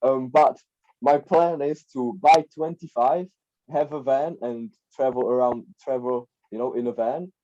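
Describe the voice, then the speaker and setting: On a podcast with dull, lo-fi audio, a young man from the Czech Republic appears as a guest life coach and chats casually. His mid-range voice is warm and steady, and his pace is measured. He rambles a lot, repeats himself, and keeps dropping fillers such as "like" and "right?".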